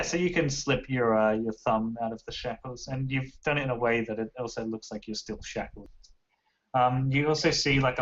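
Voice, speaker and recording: Rambling game master man. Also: mid-range voice. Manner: loose, rambling description full of fillers. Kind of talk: narrating a tabletop game. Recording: muffled lo-fi recording.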